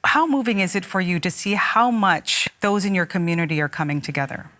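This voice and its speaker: A woman interviewing for broadcast news in a sympathetic, measured way. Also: on the low side, lively intonation, fairly bright tone.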